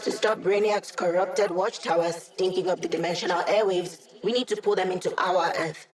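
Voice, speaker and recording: A woman's voice: on the low side, steady tone, normal speed, reverberant, recorded from a distance, natural voice. A woman voicing a cocky, playful young female hacker in a video game, with a wry, teasing, self-assured delivery. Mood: dry, playful. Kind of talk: video game character voice lines.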